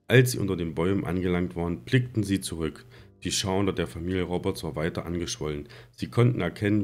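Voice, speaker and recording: A man reading a novel aloud in a plain, steady voice for an audiobook series. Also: sits low.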